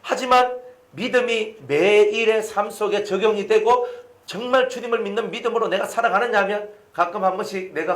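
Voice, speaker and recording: A pastor preaches a sermon in a high-sitting, reverberant voice. He is animated, asking the congregation questions and acting out the lines of the people in his story.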